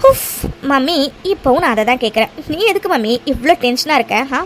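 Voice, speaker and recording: A cool-headed, scheming young woman from an animated story voiced by a woman. She brushes off worries in a breezy, dismissive tone, with a fairly high voice. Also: brisk, a little hiss or hum. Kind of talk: cartoon voice acting.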